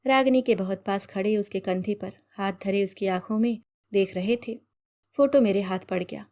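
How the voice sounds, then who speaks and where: A woman storyteller reading a short story aloud in an expressive, measured way. Her voice sits at a middling pitch. The delivery is calm and steady. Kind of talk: read-aloud story narration.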